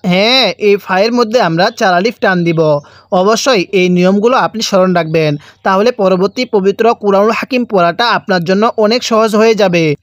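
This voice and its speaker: A man's voice: high voice, fairly quick, no room sound. A man teaching Quran reading step by step, spelling out letters and vowel marks, then drawing out the joined words. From Bangladesh. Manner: repeats the question "how will we read it?" as a refrain. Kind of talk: step-by-step recitation lesson.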